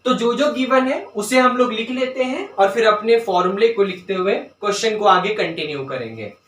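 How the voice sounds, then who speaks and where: A man teaching a maths lesson step by step, often checking whether students follow and slowly dictating terms as he writes. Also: high-pitched, lively intonation, a bit bright, distant mic. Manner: dictates English terms slowly while writing. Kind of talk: board-work maths lesson. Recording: roomy sound, voice away from mic.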